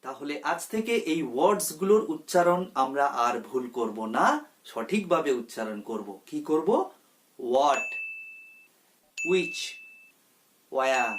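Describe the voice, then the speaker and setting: A man's voice: mid-range voice, a little hiss or hum. Guy teaching pronunciation, says each word over and over, medium voice. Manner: repeats each word slowly, drilling its pronunciation. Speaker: English tutor. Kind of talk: pronunciation lesson.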